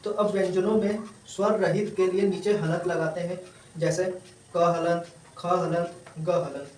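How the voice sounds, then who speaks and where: High-voiced man tutoring in a roomy space. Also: steady tone, darkish tone. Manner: slow, repeats definitions and sounds out letters one by one. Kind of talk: explaining a grammar lesson to students. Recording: roomy, distant mic, faint ambient noise.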